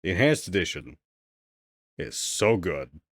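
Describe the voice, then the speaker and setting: A man's voice: low voice, big pitch swings, a little slow, no echo, clean studio sound. A man co-hosting a podcast in loose, casual chat, swearing freely and rambling. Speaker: podcast co-host.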